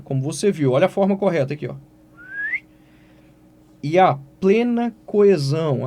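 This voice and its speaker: A man with a Brazilian Portuguese accent teaching an exam-prep writing lesson, who keeps asking questions aloud and answering them himself. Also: a little high. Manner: lively, asks and answers his own questions.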